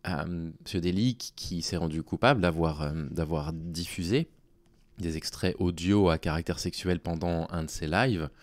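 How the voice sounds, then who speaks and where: Speaking low and without echo, this man sounds small, tired and worn out as he explains his personal situation to his online viewers. He's a video creator, and he hesitates and halts often, leaving long pauses between thoughts.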